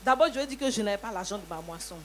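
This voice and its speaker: A woman giving a lively church testimony, telling her story with many hallelujahs. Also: medium pitch, very fast, a little hiss or hum.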